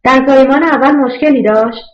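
A small, birdlike doctor fires off matter-of-fact questions with hurried impatience, as a woman storyteller puts her on. The voice sits higher than the narration, and the recording has a dull, lo-fi tone. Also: echoey room, natural voice. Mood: impatient.

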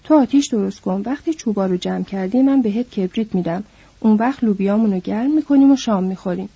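Brief: woman voicing an impatient scolding worker man, very dark husky tone, dull lo-fi sound. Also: medium pitch, no room sound. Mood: calmer. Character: small sharp-tempered itinerant worker man, protective. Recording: dull lo-fi recording.

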